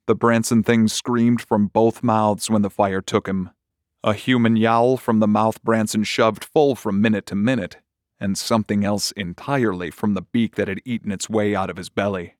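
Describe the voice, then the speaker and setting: Male horror narrator, low voice, dry close sound, measured and gritty. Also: fairly even intonation, no echo. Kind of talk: horror story reading.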